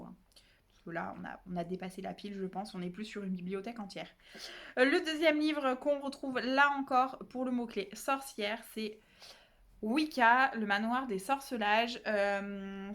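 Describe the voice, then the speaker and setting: A woman's voice: medium pitch, a bit bright. A young woman booktuber chatting casually about her reading pile, self-deprecating and full of fillers. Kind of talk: casual book haul chat.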